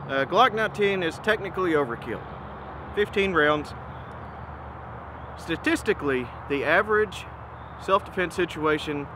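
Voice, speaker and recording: A man giving a casual, easygoing product comparison as a presenter, speaking in an informal, measured and opinionated way. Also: a little high. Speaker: gun reviewer and presenter. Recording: noisy outdoor recording with ambient hum.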